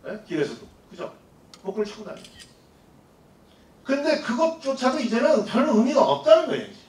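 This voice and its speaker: A middle-aged man giving a public lecture, animated and asking the audience questions. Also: very high voice, brisk. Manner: animated, asks the audience questions, acts out quoted people. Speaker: guest lecturer. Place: lecture hall. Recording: echoey hall, distant mic.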